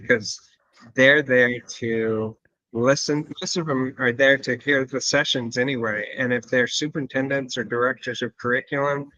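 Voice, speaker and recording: Man from Louisiana, bright forceful voice, earnest, repeats himself for emphasis, dull lo-fi sound. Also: medium pitch, dry recording. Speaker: guest. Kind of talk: casual interview talk.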